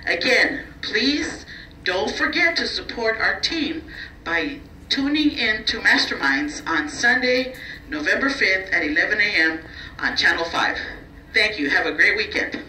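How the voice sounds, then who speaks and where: A woman's voice: mid-range voice, expressive, measured pace, distant mic, a little hiss or hum. A woman reading a school announcement over the intercom, repeating it with a small slip. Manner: reads a short announcement twice, with a small slip. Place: classroom loudspeaker. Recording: echoey loudspeaker heard from afar.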